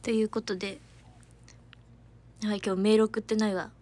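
A woman's voice: medium pitch, little pitch movement, moderate pace, warm tone. A young woman, chatting casually and giggling on a livestream from her family home, reading out viewer comments. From Hiroshima, Japan. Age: young adult. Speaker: idol livestreamer.

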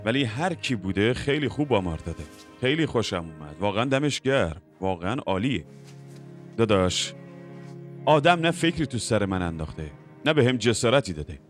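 A brash, stubborn younger brother. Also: male voice, on the low side, very animated, soft background music. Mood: defiant. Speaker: younger brother in family business. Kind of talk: Persian dub of a TV drama.

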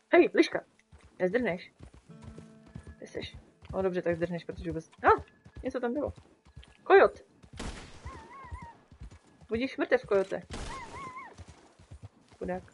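A woman's voice: fairly low pitch, darkish tone, dull audio. A woman streaming a game live, chatting casually with her viewers and talking to the animals on screen. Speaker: streamer and graphic designer.

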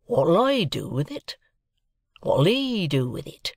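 Narrator putting on a gruff, slow-drawling, surly blacksmith's man. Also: medium pitch, big pitch swings, no echo, studio quality, pitched above the performer's own voice, full character voice. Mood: surly, stubborn. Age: young adult. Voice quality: gruff, growling. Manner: drawn-out, rustic working-class speech. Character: gruff, sullen journeyman blacksmith, surly and spiteful.

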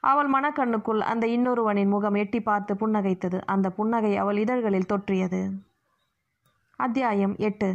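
A woman narrating an audiobook novel in a steady storytelling manner, recorded muffled and lo-fi. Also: mid-range voice, normal speed.

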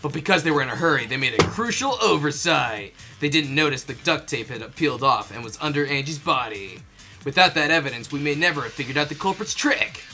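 A fandub performer narrates a game script and adds commentary, tossing in playful asides and laughing readily as the narration turns into casual joking chat. The medium-pitched voice has lively intonation and sounds pushed and bright, backed by soft music.

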